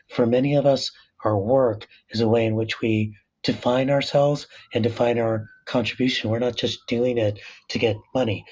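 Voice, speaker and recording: American man with a raspy smoker's voice. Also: medium pitch, darkish tone, lo-fi sound. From Southern California, United States. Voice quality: raspy, rough smoker-like rasp from a speech disorder. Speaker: professor and author, interview guest. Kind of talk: thoughtful interview explanation.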